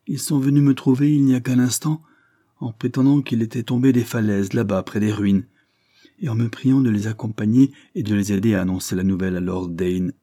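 A man voicing a distraught, nervous young gentleman in a Victorian audiobook, speaking anxiously with excited outbursts. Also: lowish voice, fairly quick, dry recording, studio quality, natural voice.

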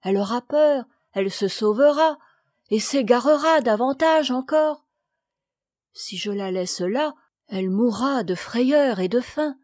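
A woman voicing a gentle, sad boy who looks like a bear, speaking softly and sorrowfully. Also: on the high side, animated, measured pace, no echo, clean studio sound. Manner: soft and sorrowful.

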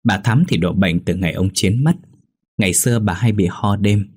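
A man narrating a ghost story in a steady, measured reading voice. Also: fairly low pitch, husky.

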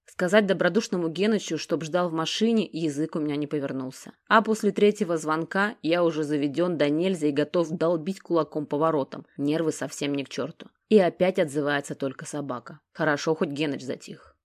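A woman narrating a first-person story with a wry, even delivery. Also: deep voice, a little fast, few pauses, no echo, clean studio sound. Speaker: audiobook narrator.

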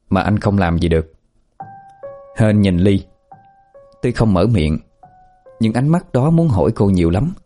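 A man narrates a dramatic story in an earnest, steady way. His voice is low and warm, with soft music playing behind him. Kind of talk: scripted narration.

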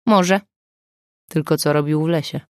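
A woman's voice: low-pitched, measured pace, a little mellow, no room sound, clean studio sound. A woman voicing a male police sergeant in an audiobook, asking short, hopeful questions.

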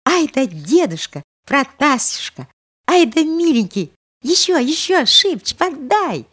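A woman voicing an excitable, playful young girl who pleads and exclaims. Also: unhurried, heavily acted. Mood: excited. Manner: breathless, pleading, high-spirited.

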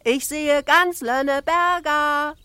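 A woman voicing a small, cheeky farm girl who calls out in a shrill, excited voice. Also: normal speed, breathy edge, no room sound. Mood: gleeful.

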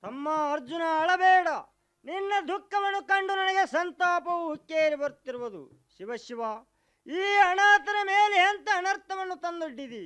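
A man's voice: very high voice, animated, a little slow, fairly bright tone, heavily acted. A man voicing a grieving elder royal brother in a mythological radio play, speaking in a mournful, lamenting way.

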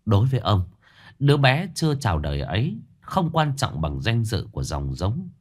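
Male storyteller, low voice, animated dramatic narration. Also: normal speed. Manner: expressive, emotive storytelling. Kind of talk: dramatic scripted narration of a village tale.

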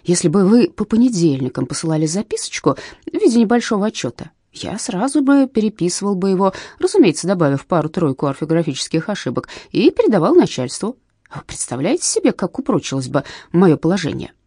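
Brief: woman reader doing an eager, coaxing canal worker in a storybook, lively swooping lines, warm tone. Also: on the low side, husky, no echo, clean studio sound, pitched above the performer's own voice. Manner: wheedling, drawn-out exclamations. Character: excitable male canal worker, scheming and friendly.

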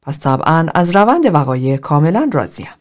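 Female narrator voicing an aloof man: flat, unemotional, low and quiet. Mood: detached. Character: cold, detached man, aloof loner.

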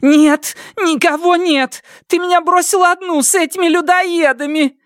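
A man voicing a flighty, panicky young woman singer in an audiobook, with a high, whiny, tearful pleading manner. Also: sing-song, unhurried, no room sound, clean studio sound. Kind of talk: audiobook character voice.

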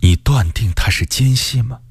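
A male storyteller voicing a shrewd middle-aged woman, a rebel leader's wife, who speaks quietly and probingly. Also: mid-range voice, normal speed, husky.

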